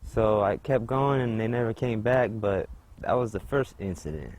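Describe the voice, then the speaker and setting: A man's voice: lowish voice, moderate pace, a little mellow, a little hiss or hum. A man being interviewed outdoors in a park, casually retelling events with quoted dialogue and some cussing. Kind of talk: casual storytelling.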